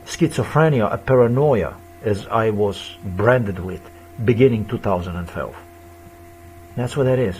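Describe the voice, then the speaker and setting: Fifties man, slow ranting delivery, accusatory and repetitive, non-native phrasing, faint hum behind. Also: fairly low pitch, darkish tone. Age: 50s. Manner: broken non-native English grammar. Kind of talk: ranting monologue to camera.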